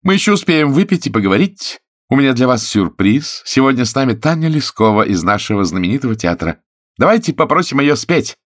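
A man voicing an excitable hostess woman who shouts her orders in a shrill voice. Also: fairly quick, no room sound, clean studio sound. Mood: excited shouting.

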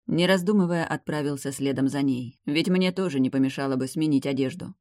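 An audiobook reader giving slow, measured first-person fantasy narration. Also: medium pitch, a little mellow, no echo, clean studio sound.

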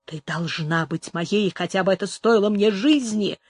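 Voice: moderate pace, no echo, natural voice. A narrator voicing an obsessed, violent man who hisses and whispers his threats, in a dramatized audiobook. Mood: pleading. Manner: low hissing whispers breaking into threatening shouts. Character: obsessed, violent young man, passionate and menacing.

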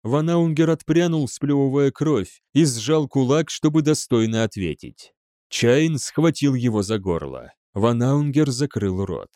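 A man narrating an audiobook with an expressive reading. His pitch moves with lively animation. The recording is dry, with no room sound. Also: measured pace, dry recording.

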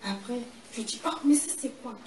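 A woman sharing a personal testimony in conversation, telling it in an animated way with frequent restarts and acted-out reactions. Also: on the high side, brisk. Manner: animated, repeats and restarts phrases, acts out her reactions. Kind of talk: conversational storytelling. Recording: roomy, distant mic, steady background noise.

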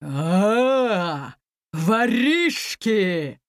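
A woman voicing a big gruff male dragon guarding a tree in a storybook reading, with a low, rumbling, drawn-out voice. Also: big pitch swings, dry recording, studio quality.

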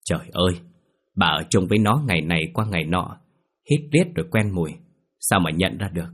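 A man voicing a jittery young man who blurts out startled exclamations in a low, husky voice. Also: a little fast.

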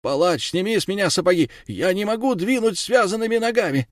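A male reader voicing a proud accused nobleman, shouting indignantly in a raised voice. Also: fairly high pitch, unhurried, no echo, studio quality, voice pushed up, close to an everyday voice.

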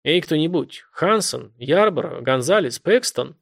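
A man voicing a harried police officer working the phones, brisk and firm, trying to reassure callers. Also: on the high side, animated, creaky, voice pushed up, full character voice. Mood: pressed. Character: harried male police dispatcher, calm but pressed.

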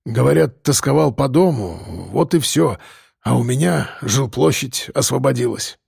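A man voicing a rough, evasive middle-aged working man who grumbles and mumbles in halting speech. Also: mid-range voice, lively intonation, a little mellow, dry recording, clean studio sound, exaggerated voice. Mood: grumbling.

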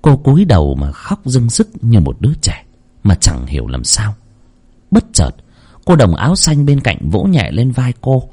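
A man narrating a horror story with dramatic, expressive delivery. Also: medium pitch, normal speed, slightly rough.

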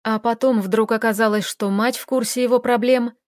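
A woman narrating a novel in an even, measured reading. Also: fairly high pitch, no room sound, clean studio sound. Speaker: audiobook reader. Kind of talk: scripted narration.

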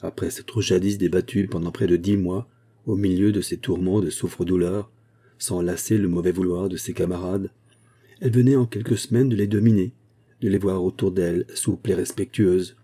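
Deep dark-voiced male narrator. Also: fairly even intonation, moderate pace, husky. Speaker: audiobook narrator. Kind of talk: literary audiobook narration.

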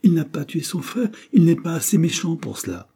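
A man's voice: animated, normal speed, warm tone, husky. A man voicing a distraught young woman who speaks emphatically in a raised voice. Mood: emphatic. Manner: emphatic, pleading, high-pitched.

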